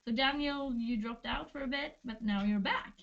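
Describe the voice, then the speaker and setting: A woman's voice: on the high side, normal speed, creaky, fairly bright tone, highs cut off. A woman, a band member hosting a casual livestream Q&A, chatty and hesitant, often laughing. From Sweden.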